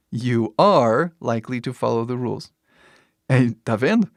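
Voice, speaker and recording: A man with an English-speaking accent teaching a relaxed online lesson in Portuguese, checking in often with the listener. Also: mid-range voice, vocal fry, dry recording, studio quality. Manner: patient, explains slowly with many "né?" checks.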